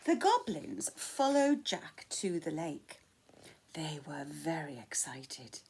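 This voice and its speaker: A woman's voice: deep voice, very animated, slow, creaky, a little mellow, a little hiss or hum. A woman reading a children's story aloud in a dramatic way, dropping to whispers at tense moments.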